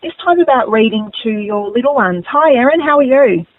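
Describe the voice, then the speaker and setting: A woman's voice: a little high, expressive, fairly quick, dry recording. A woman with an Australian accent hosting a conversational radio interview as the interviewer. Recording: narrow phone-like radio audio.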